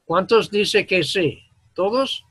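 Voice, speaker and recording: Un hombre que enseña gramática inglesa en una clase, con explicaciones lentas y entrecortadas, mezclando palabras en inglés. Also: male voice, sits high, fairly bright tone, slightly rough, no echo. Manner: slow, halting explanations mixing English words into Spanish. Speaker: English teacher. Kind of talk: classroom grammar lesson. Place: classroom.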